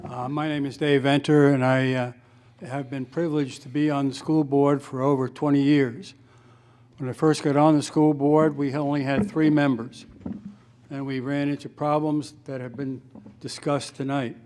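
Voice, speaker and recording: A middle-aged or older man making informal, measured remarks at a town meeting, with some hesitation. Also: mid-range voice, flat delivery, a little mellow, a little hiss or hum. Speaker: school board member.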